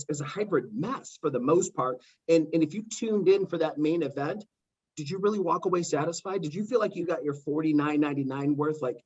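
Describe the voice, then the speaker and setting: A man hosting a podcast, talking in a measured, analytical way with rhetorical questions, on a dull lo-fi mic. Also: on the high side, husky. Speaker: podcast host. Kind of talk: casual podcast chat.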